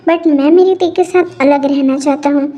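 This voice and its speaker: Woman doing a teasing young husband, high. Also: steady tone, moderate pace, warm tone, lightly acted. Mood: earnest. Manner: teasing, coaxing. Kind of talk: amateur fan audio drama.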